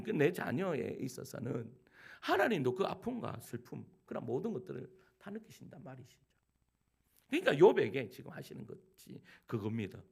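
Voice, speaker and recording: A man's voice: high voice, gravelly, husky. A male pastor giving a sermon to his congregation, asking them one rhetorical question after another. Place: church sanctuary.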